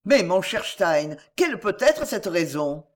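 A woman's voice: lowish voice, very animated, unhurried. A woman voicing a commanding noble duke. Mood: insistent. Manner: emphatic, insistent and earnest. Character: noble, warm but commanding duke, middle-aged man.

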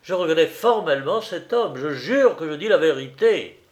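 A man's voice: fairly high pitch, expressive, normal speed, voice pushed up, close to an everyday voice. A man voicing a stubborn male bank manager testifying in a read-aloud crime story, firm and emphatic.

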